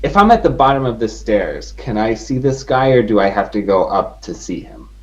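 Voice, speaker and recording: A man with a fairly low voice plays a tabletop game. He speaks casually, as if chatting with the group. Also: very animated, normal speed, lo-fi sound.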